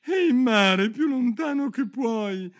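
A tearful sea turtle from a storybook, its voice pitched far above his own and swooping wildly up and down. It wails and stretches its words out slowly, shrill and theatrical. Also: big pitch swings, heavily acted. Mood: excited. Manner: shrill, wailing, drawn-out and tearful. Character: weepy sorrowful sea turtle creature, theatrical.

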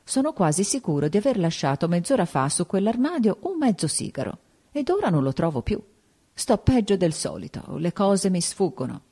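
A woman reading the lines of a worried middle-aged father who complains in a hushed, fretful way. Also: lowish voice, big pitch swings, normal speed, slightly rough, heavily acted.

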